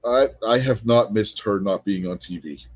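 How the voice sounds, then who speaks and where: Blunt, husky man on a muffled mic. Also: lowish voice, measured pace, dry recording. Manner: blunt, dismissive opinions with frequent laughs. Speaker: podcast co-host. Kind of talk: casual chat.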